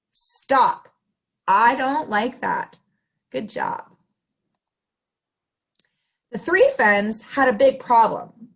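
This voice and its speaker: Reading to small children at story time, this woman uses a fairly high, slightly rough voice. She animates the picture book in an over-the-top, sing-song style and draws the kids in.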